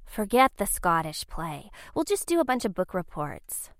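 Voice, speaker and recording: A man voicing anxious teenage girls in a spooky storybook, raising his voice high and sounding worried. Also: big pitch swings, normal speed, fairly bright tone, no room sound, studio quality, exaggerated voice.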